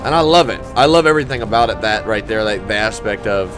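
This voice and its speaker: A man's voice: lowish voice, expressive, fast talker. A man giving casual, geeky, enthusiastic commentary while playing through a video game. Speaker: gamer commentator. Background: loud game music and vehicle sounds.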